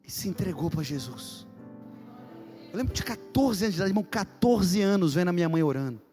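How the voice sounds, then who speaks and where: A man pastor preaches in a church, telling a story with lively drama before building to impassioned, near-shouted preaching. His voice sits high, and soft music plays faintly behind him. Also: fairly quick.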